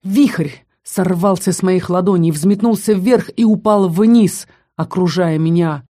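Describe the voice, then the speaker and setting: A woman narrating a fantasy audiobook in an expressive, dramatic reading style that slows for tense lines. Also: lowish voice.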